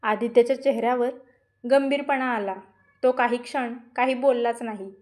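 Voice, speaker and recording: Woman narrating a heartfelt story, higher voice. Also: fairly even intonation, moderate pace, a little mellow.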